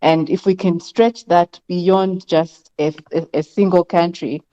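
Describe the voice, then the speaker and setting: A woman from Zambia speaking as a panelist in an online discussion, measured and thoughtful with frequent ums. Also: fairly low pitch, dark tone. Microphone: video call. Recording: muffled lo-fi video call audio.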